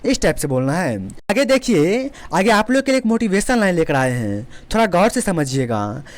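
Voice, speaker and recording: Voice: mid-range voice, big pitch swings. Teacher with an Indian accent drilling phrases. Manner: repeats each English example slowly several times; explains in Hindi, models English phrases deliberately. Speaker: spoken English teacher. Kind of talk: Hindi-medium English lesson.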